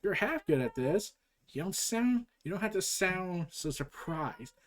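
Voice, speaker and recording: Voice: mid-range voice, very animated, a little slow. A comic book reader putting on the voice of a manic, cheerful female antihero who teases and rambles. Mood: teasing. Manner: bubbly, teasing, rambling. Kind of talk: comic book read-aloud.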